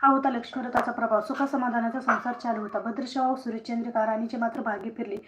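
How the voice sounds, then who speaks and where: A woman storyteller narrating a devotional tale in a steady, rhythmic manner on a live stream. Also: a little high, fast. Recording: roomy echo, faint noise.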